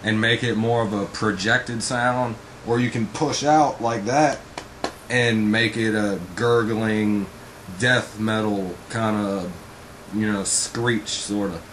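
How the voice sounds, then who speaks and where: A man's voice: fairly low pitch, steady tone, slow, fairly bright tone, slight background noise, low-quality recording. A man giving a casual, informal vocal tutorial as a coach, rambling and blunt with frequent swearing.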